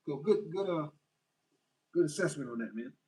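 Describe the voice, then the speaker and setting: A man's voice: a little high, expressive, moderate pace, mellow. Chatty man livestreaming from a distance. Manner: reads out viewer comments and answers them chattily. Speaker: fitness livestreamer. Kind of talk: casual livestream chat.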